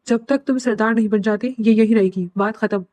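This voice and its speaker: A woman's voice: a little high, steady tone, dark tone, no room sound, natural voice. Bossy old family head, short and final, lady doing him, dry voice. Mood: stern. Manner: curt, authoritative. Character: stern older man, family patriarch, commanding.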